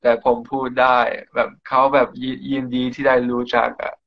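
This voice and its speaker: A teenage English lad speaking Thai as a second language, casual and full of slang, at a medium pitch. The sound is a little dull and muffled. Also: male voice, completely flat delivery, moderate pace, vocal fry. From England. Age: teens. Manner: casual, slangy Thai, says yeah often. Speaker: guest.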